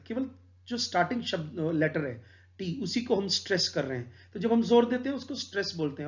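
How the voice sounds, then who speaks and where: Man, lit teacher, high-pitched, patient explanations, slightly muffled lo-fi audio. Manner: explains patiently, mixing Hindi with English terms. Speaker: English literature teacher. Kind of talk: exam-prep poetry lecture.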